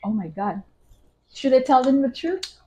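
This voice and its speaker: Woman, slightly high voice, chatty mukbang co-host, laughs a lot, trails off quietly. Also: lively intonation, moderate pace. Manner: chatty, laughs often, voice trails off softly at phrase ends. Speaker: wife and vlog co-host. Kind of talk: casual mukbang chat while eating.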